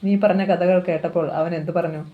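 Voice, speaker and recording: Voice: mid-range voice, fairly even intonation, fast, narrow, tinny audio, close to an everyday voice. The narrator voicing a scheming, wealthy middle-aged father in a novel reading, cold and commanding.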